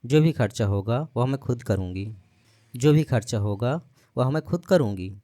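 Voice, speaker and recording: A man's voice: medium pitch, expressive, moderate pace, mellow, no room sound, natural voice. A man voicing a cheerful young woman who teases and coaxes her brother-in-law, in a dry storytelling read. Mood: coaxing.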